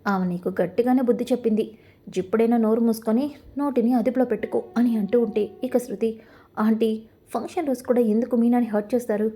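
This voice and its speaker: A woman with a slightly high, mellow voice tells the story of a serial episode. She narrates in a casual, even way. She reads the characters' lines in her own voice without acting them out. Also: quick pace. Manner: steady retelling with quoted dialogue.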